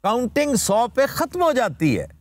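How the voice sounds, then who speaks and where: A man hosts a studio talk show and explains word origins like a teacher. His voice sits high and swings widely in pitch. The sound is dry and close. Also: wildly swooping pitch, moderate pace, no echo. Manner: explanatory, lecturing, formal Urdu vocabulary. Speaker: host.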